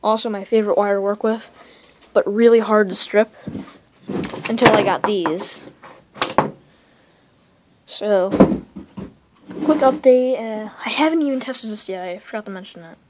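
Rambling hobbyist woman, noisy phone clip. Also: medium pitch. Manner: rambling, quick, self-interrupting. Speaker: electronics hobbyist vlogger. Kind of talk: casual unscripted shop tour. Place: cluttered home electronics workshop, indoors. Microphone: handheld phone camera.

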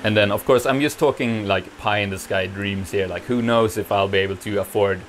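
A man's voice: lowish voice, a little fast, a little hiss or hum. Laid-back young man touring his workshop. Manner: relaxed, rambling, frequent "like" fillers. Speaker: YouTuber giving a mining farm tour. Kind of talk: casual vlog walkthrough. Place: cluttered home workshop, indoors. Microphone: camera held at arm's length.

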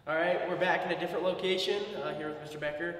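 A man's voice: fairly high pitch, little pitch movement, quick pace, a bit bright. A young man casually introducing a school construction update and asking questions, recorded in a bare, empty classroom. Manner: casual, friendly prompting questions. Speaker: video host asking questions. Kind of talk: casual walkthrough interview. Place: large empty classroom under construction, indoors. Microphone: camera mic from a distance. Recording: echoey bare room, mic far off, background noise.

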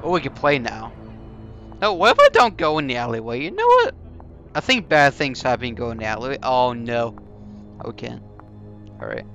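Young man, gravelly, lively game commentary. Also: mid-range voice, normal speed, long pauses. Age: young adult. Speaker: gaming YouTuber. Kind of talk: casual let's play commentary. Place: indoors, seated at a gaming setup. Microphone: headset. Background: faint game music.

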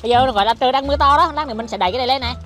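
A young man hosting a comedy vlog, who talks in a gentle, reassuring and casual way. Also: very high voice, rapid-fire, loud music behind the voice. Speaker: vlogger host.

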